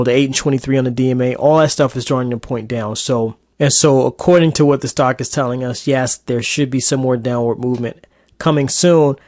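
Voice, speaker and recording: A man's voice: mid-range voice, darkish tone, no echo, clean studio sound. A man coaching traders in a casual, chatty screen-recorded market recap lesson. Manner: casual, chatty, with fillers and asides. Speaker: trading coach.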